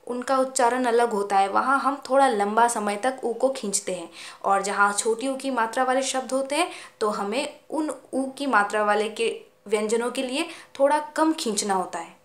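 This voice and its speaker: A woman schoolteacher patiently teaching young children, stretching out each word slowly for them to repeat. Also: a little high. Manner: slow, drawn-out word-by-word pronunciation drills; patient, explaining and asking children questions. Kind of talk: Hindi phonics lesson for young children. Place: school classroom. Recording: echoey room.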